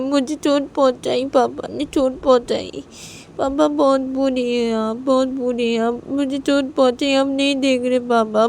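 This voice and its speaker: A woman voicing a whiny, hurt little girl who talks slowly and repeats herself. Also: high voice, darkish tone, a little hiss or hum. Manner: slow, whining, repeating herself.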